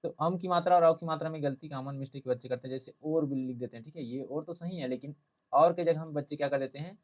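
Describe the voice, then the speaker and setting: A man's voice: a little high, quick pace, a little mellow. Hindi teacher man, patient explainer. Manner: explanatory, repeats "theek hai" often. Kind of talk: classroom-style lesson.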